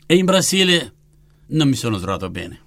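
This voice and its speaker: An older man from Italy recounts his missionary life in a fervent, lively way, with a gravelly edge to his voice. The sound is dry and close, with little room around him. His delivery is earnest and emotional, like a personal faith testimony. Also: mid-range voice, normal speed, no echo. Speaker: missionary and orphanage founder.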